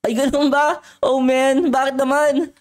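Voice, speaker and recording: Excitable woman gaming youtuber, high voice, talks to her viewers. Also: a little slow. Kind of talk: Minecraft role-play narration.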